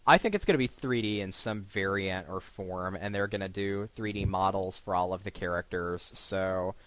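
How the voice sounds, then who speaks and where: A man's voice: low voice, normal speed, a bit bright, no room sound. A man hosting a casual podcast chat, rambling and restarting his sentences, often breaking into laughter. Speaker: podcast host.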